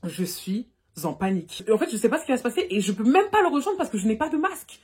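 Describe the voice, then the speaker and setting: A young woman vlogger telling a personal story in a casual storytime monologue, animated and full of fillers, recorded on a phone. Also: high voice. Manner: rapid and animated, full of fillers like "et tout" and "du coup".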